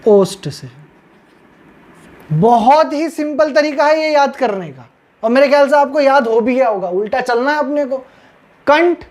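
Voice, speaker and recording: Woman, teacher, high voice, slow delivery, step-by-step explanations, frequent check-ins. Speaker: Hindi grammar teacher. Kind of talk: blackboard lesson.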